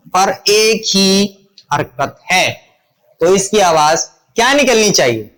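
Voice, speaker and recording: A man with a Pakistani Urdu accent teaching a lesson informally, drawing out letter sounds slowly and repeating drills, chatty with his viewers. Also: sits high, fairly bright tone, rough recording. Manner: chatty, addresses viewers as brother.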